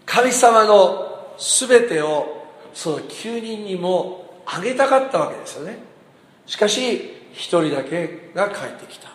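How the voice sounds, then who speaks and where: Animated pastor preaching in an echoey hall. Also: male voice, high voice, measured pace. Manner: animated, asks the congregation questions, acts out quotes. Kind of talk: sermon.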